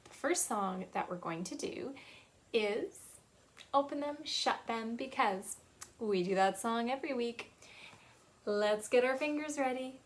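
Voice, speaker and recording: A woman in her thirties, a children's librarian, leads storytime in a small indoor playroom with shelves, talking in a sing-song, teacherly way and singing simple songs with hand gestures. Her voice is high-pitched and fairly bright.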